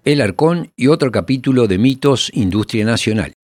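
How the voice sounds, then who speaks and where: A man's voice: mid-range voice, expressive, a little mellow, dry recording. Male narrator, scripted and reflective, faint music bed underneath. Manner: measured, reflective, rhetorical questions. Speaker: documentary narrator.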